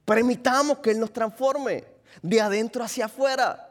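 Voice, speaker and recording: High-voiced preacher man in a reverberant church. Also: normal speed. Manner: preaching with acted quotes and rhetorical questions. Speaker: pastor. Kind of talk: sermon.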